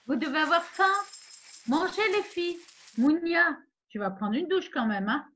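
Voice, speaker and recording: A woman's voice: sits high, lively intonation, moderate pace, fairly bright tone, faint music behind. A woman playing a fierce, protective mother who gives orders and scolds a man in an amateur theatre web series. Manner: commanding, scolding, defiant.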